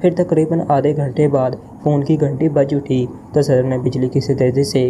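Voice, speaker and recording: A man narrating a spy audio novel in a steady storytelling read. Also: medium pitch, moderate pace, noisy background. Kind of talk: scripted narration.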